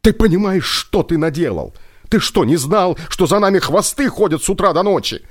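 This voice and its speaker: A man's voice: sits high, expressive, normal speed, pitched above the performer's own voice. A man voicing an agitated male impresario who urges flight, in an audiobook reading. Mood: alarmed. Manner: urgent, pressing.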